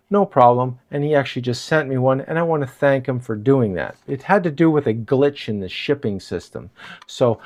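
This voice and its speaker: A man talks through a gear review in his apartment, explaining things in a relaxed, chatty way. His pitch moves around a lot, which keeps the delivery animated. A clip-on wireless mic keeps the voice close. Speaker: product reviewer. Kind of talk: casual product review. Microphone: wireless lav mic.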